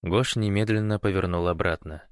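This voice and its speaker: A man with a low voice reads an audiobook in an even storytelling manner. The recording is dry and close, with no room around it. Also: normal speed, clear, resonant tone, dry recording. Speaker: narrator. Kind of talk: audiobook narration.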